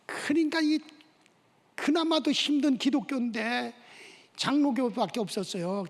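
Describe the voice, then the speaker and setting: A male pastor delivers a sermon in a lively storytelling style and keeps checking in with the congregation. His voice sits high and swings widely in pitch. He is recorded in a church sanctuary with a long, ringing echo. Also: slightly rough. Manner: animated storytelling with frequent questioning asides. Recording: reverberant church hall.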